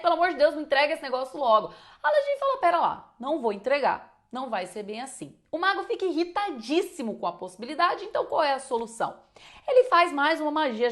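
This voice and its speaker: Animated, high-voiced woman storyteller. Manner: animated, asks rhetorical questions. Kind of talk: casual storytelling.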